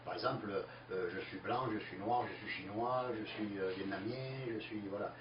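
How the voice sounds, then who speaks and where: A man answering listener questions in a lively, emphatic explanatory talk full of fillers. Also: lowish voice, normal speed. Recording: distant, echoey, dull lo-fi with faint hiss.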